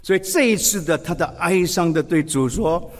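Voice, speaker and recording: A man preaching a sermon, lively and expressive, acting out quoted words with feeling. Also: fairly high pitch, normal speed, in a large hall. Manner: expressive, acts out quoted speech with emotion. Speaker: pastor.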